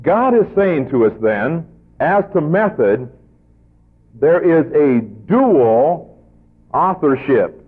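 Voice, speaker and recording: A man preaching a sermon, teaching slowly and emphatically and drawing out his stressed words. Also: a little high, very animated. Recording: tinny phone-like old recording.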